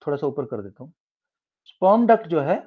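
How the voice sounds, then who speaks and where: A man's voice: on the high side, sing-song, a little fast. A middle-aged man with an Indian English accent teaching a science class step by step, switching between Hindi and English and often restarting his sentences. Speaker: science tutor. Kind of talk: classroom lecture. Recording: dull lo-fi sound.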